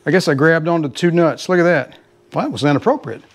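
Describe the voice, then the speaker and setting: A man's voice: a little high, lively intonation, quick pace, very noisy. A middle-aged man with a Southern US accent who hosts a garage channel. He narrates casually as he works on a car, rambling and talking to the viewers as folks. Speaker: home mechanic host. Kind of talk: casual how-to narration while working. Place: home garage, working under a car.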